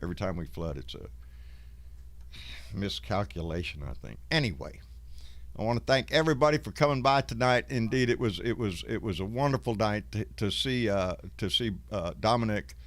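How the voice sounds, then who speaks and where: A man's voice: on the low side, expressive, fairly quick, dry recording. A man with a Southern US accent and a folksy drawl, hosting a casual livestream chat with salty language. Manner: salty, profane. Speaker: host of a live online show.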